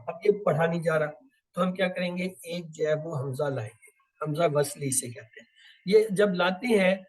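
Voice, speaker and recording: A man with a high voice gives a step-by-step grammar lesson on the Quran. He asks his own questions and answers them, drawing out each Arabic drill word slowly. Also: poor audio. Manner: draws out and repeats Arabic drill words slowly.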